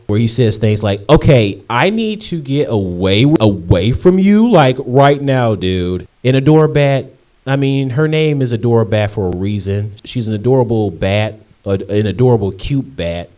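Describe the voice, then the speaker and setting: A man's voice: mid-range voice, animated, normal speed, dark tone. A man in his late twenties from Michigan, casually answering viewer questions in a chatty, rambling way with frequent ums and restarts. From Michigan, USA. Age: 20s. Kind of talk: casual Q&A vlog.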